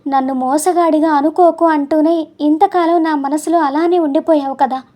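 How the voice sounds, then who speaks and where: A tearful middle-aged wife from a storybook, anxious and guilty, her high, mellow voice faltering, as a woman narrator puts her on. She stumbles over her words through tears. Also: steady tone, moderate pace, lightly acted.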